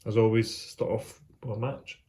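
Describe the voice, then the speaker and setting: A man talking casually to viewers as a vlog host, in a halting, unscripted way with trailing phrases. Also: fairly low pitch, level tone, noisy background. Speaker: host of a pipe smoking vlog.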